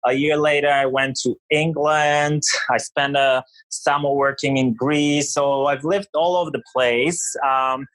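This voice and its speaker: A man's voice: mid-range voice, fairly even intonation, unhurried, a bit bright, no room sound, rough recording. A middle-aged man from Bulgaria speaks as a podcast guest. He explains research in a thoughtful, rambling way, full of fillers. The recording is dry and close, with no room sound. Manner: thoughtful, many fillers like uh and you know. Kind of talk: conversational podcast interview.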